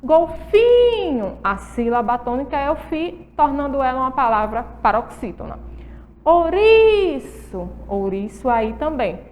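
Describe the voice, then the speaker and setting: A woman's voice: on the high side, normal speed, hardly any pauses, long reverb tail. A Brazilian Portuguese-accented woman teaching a recorded lesson to young pupils, drawing out and repeating words in a sing-song way. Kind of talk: recorded school lesson for children.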